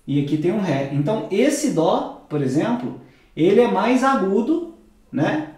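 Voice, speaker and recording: A man teaching music theory at a whiteboard, explaining patiently, repeating key words and dropping his voice low for asides. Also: very animated, unhurried, a little mellow. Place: room with whiteboard. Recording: very echoey room.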